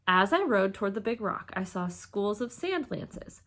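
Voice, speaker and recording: A woman reads a children's storybook aloud expressively and dramatically, with emphatic exclamations and hushed moments of suspense. She speaks at a medium pitch and moderate pace.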